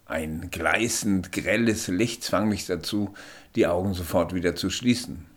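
Deep-voiced man narrating a story. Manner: measured, introspective storytelling. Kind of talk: first-person audiobook narration.

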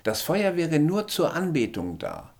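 A small male alien with a raised, lighter voice, as a man puts him on for an audiobook. He talks in clipped, factual statements and lectures calmly on how humans fall short. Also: on the high side, a little slow, gravelly, pitched above the performer's own voice, exaggerated voice. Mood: lecturing. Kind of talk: audiobook character voice.

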